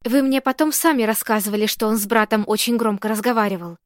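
A woman voicing a quiet, composed young woman. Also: a little high, fast, no echo, clean studio sound, close to an everyday voice. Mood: calm.

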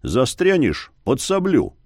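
A gruff, seasoned swordsman who speaks low and takes his time, as a man voices him for a fantasy audiobook. He sounds steady and curt. The recording is dry and close, with no room around it. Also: slow, no echo, exaggerated voice.

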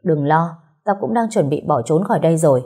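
A woman's voice: sits low, animated, fairly quick, dark tone, breathy edge, heavily acted. A woman voicing a blunt, scheming young woman friend who talks curtly in a storybook.

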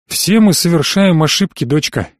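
A man reading aloud plays a cold, scheming older nobleman pressuring his daughter, pitched a touch higher than usual and pushed louder. He talks down in a fatherly tone before snapping into threats. The audiobook is recorded dry and close, with no room sound. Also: expressive, moderate pace, dry recording. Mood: patronizing. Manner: patronizing, then harsh and threatening. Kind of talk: audiobook character voice.

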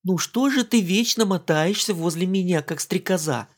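A man's voice: sits high, moderate pace, pitched above the performer's own voice. A man reading an audiobook voices a playful, mocking young English woman in a raised voice. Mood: teasing.

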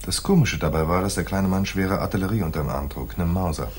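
In a 1980s German radio play, an actor voices a laconic, shrewd private detective, narrating his case and speaking noir dialogue in a dry, slangy, businesslike way. His low voice is brisk and a little mellow, with slight background noise.

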